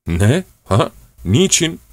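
A man's voice: medium pitch, lively intonation, moderate pace, no echo, pitched above the performer's own voice, natural voice. A man voicing a devoted old male servant who scolds, frets and pleads tearfully. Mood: astonished. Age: older. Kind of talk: audiobook character voice.

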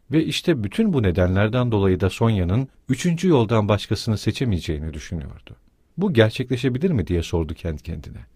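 A man narrating a literary audiobook, with measured delivery and quieter, lower dialogue lines. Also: slightly rough, dry recording, studio quality.

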